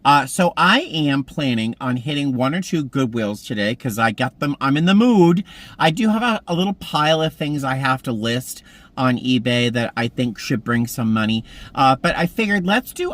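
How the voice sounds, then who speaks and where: A man's voice: mid-range voice, expressive, normal speed, a bit bright. A man in his mid-fifties chatting casually to camera from a parked car, telling meandering stories. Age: 50s. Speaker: vlogger. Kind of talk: casual vlog chat.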